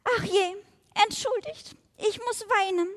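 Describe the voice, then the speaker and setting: A woman's voice: extremely high pitch, big pitch swings, moderate pace, fairly bright tone, pitched above the performer's own voice, exaggerated voice. Woman voicing a tearful little mayfly. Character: tender newborn female mayfly, dainty and tearful.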